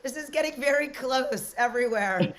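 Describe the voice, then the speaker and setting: A woman hosting a comedy show, bantering briskly between sets. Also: high voice, crowd noise. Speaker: show host. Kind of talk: stand-up hosting.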